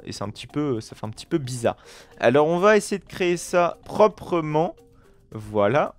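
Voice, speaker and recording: A man talks through his building session in a game, explaining each choice as he goes. He keeps it chatty and loose, tossing in playful little sound effects between steps. His voice sits at an ordinary middle pitch, recorded close on a desk microphone. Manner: chatty, self-narrating, fills with "voilà" and playful "hop hop" and "bam" sounds. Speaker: gaming video creator. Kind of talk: let's play commentary while building.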